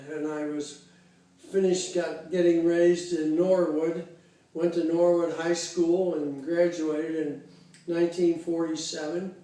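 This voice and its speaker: A man in his eighties from Cincinnati, Ohio, recalling his life in an interview, unhurried and halting with many fillers. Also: a little high, dark tone. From Cincinnati, Ohio, USA. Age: 80s. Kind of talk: casual oral history interview. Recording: very echoey room, voice far from the mic.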